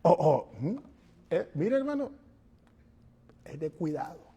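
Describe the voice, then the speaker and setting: A male pastor preaching a sermon, animated, moving between quiet asides and loud calls, and acting out little scenes. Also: fairly high pitch, slow, husky, in a large hall. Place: church sanctuary.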